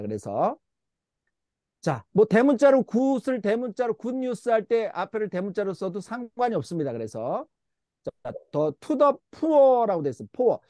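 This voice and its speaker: Patiently coaxing his students, a high-voiced, animated man teaches a church English Bible lesson, stretching words for the class to say back in call-and-response drills. The recording sounds close and dry, with no echo from the room.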